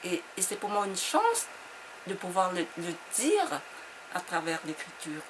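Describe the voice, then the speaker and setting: A woman's voice: lowish voice, huge pitch swings, a little slow. A woman author from Vietnam, speaking in a reflective interview conversation. She hesitates and often repeats her words as she searches for them. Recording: noisy background.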